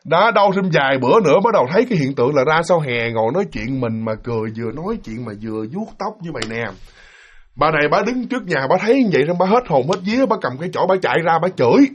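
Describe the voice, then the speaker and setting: Male storyteller, high husky voice, quick and animated; dull lo-fi recording. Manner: animated, acts out quoted voices with shouting. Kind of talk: casual spoken ghost story narration.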